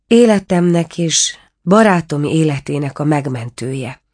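A woman's voice: deep voice, lively intonation, darkish tone. A woman voicing a caliph turned into a stork in a storybook reading, eager and exclaiming.

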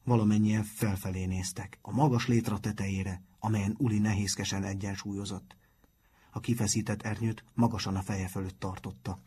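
A man reading a children's novel aloud in a calm, measured audiobook narration. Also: on the low side, a little hiss or hum.

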